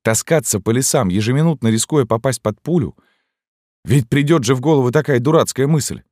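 A loud, blunt army canteen woman scolds in a gruff, soldierly voice, raised well above the reader's low register, as a man puts her on. The kindness shows under her roughness. The recording is dry and close, with no room sound. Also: very animated, moderate pace, no room sound. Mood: scolding. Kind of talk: audiobook narration.

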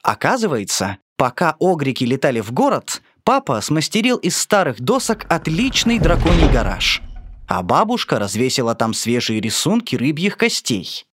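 A narrator reading a children's story aloud in an expressive, sing-song way. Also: mid-range voice, normal speed, slightly rough.

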